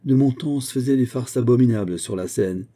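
A man's voice: mid-range voice, a little fast, warm tone, voice pushed up, natural voice. A man voicing an irascible old Italian singing master who scolds and lectures his pupil. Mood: grumbling. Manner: exasperated, scolding.

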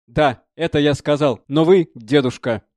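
A man voicing an excitable young portrait painter who talks loudly and insistently, in a storybook reading. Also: fairly high pitch, a little slow, no room sound, clean studio sound, close to an everyday voice. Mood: sheepish.

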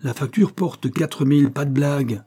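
A man reading a novel aloud, voicing a furious, swearing older wine salesman in a raised, loud voice. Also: on the low side, moderate pace, lightly acted.

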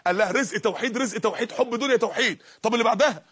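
A man's voice: high-pitched, rapid-fire, a bit bright, breathy edge. A man with an Egyptian Arabic accent giving an impassioned Islamic sermon, repeatedly exhorting his listeners. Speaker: preacher.

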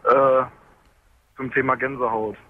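A man in his twenties calls in from a truck cab on a hands-free speakerphone, telling his story calmly and haltingly. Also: mid-range voice. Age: 20s. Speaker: caller. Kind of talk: late-night radio phone-in call. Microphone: car hands-free speakerphone. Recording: tinny phone line, faint road noise.

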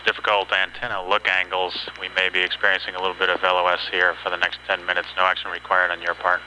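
A man's voice: deep voice, completely flat delivery, fast talker, pushed and bright. A man on mission control, giving terse radio callouts over a distant, breaking-up space radio link. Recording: faint noisy archival radio transmission.

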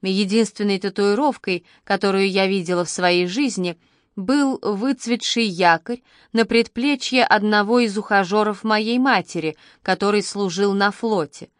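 A woman reads a first-person audiobook story in a measured, even storytelling voice. Her pitch sits in the middle range. The recording is dry and close, with no room sound. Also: no room sound. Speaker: audiobook narrator. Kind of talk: scripted first-person narration.

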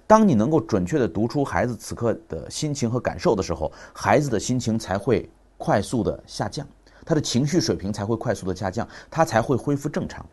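Fast, animated man giving a talk. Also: lowish voice. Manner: lively storytelling, acting out family dialogue. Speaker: parenting speaker. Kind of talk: public talk.

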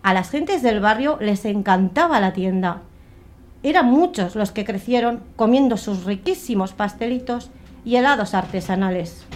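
A woman telling a dark story as a dramatic narration, slowing down and building up on the tense moments. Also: medium pitch. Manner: expressive, slows and swells on dramatic moments.

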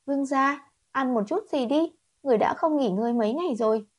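Woman doing an anxious young maid, high and husky. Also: drawn-out words, no room sound, exaggerated voice. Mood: concerned. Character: young maid, anxious, devoted to her mistress.

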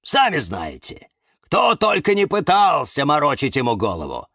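A man voicing a steady, reassuring male cactus with a firm, snorting manner, in a children's storybook. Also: a little high, moderate pace, husky, no room sound, studio quality, pitched above the performer's own voice, heavily acted.

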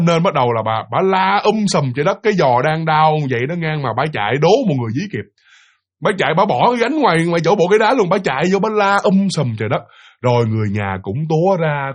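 A man with a Southern Vietnamese accent hosts a casual spoken ghost story, chatting directly with his listeners. His voice sits somewhat high for a man. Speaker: storytelling channel host.

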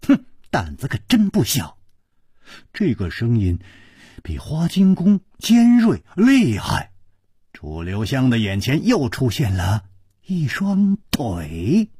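Guy telling an old-style story, slow and dramatic, voice swings all over, a bit husky. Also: mid-range voice, no room sound, clean studio sound. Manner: unhurried and dramatic, with lively rises and falls. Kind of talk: traditional long-form storytelling.

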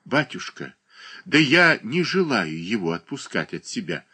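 A man's voice: medium pitch, sing-song, unhurried, pushed and bright, breathy edge, heavily acted. A man reading an audiobook voices an older grieving mother who pleads and laments. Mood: pleading. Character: grieving older mother, clinging, pious, tearful.

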